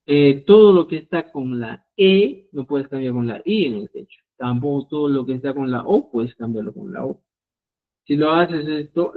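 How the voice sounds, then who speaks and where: A man teaching a language class online, explaining rules and often checking in with his students. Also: medium pitch. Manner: instructive, keeps checking in with "¿ya?". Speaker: Quechua writing teacher. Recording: tinny phone-like online call audio.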